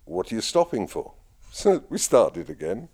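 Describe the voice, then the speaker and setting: A man who leads prayers in his community answers interview questions in a lively storytelling manner, laughing frequently. His voice is mid-range and a little slow.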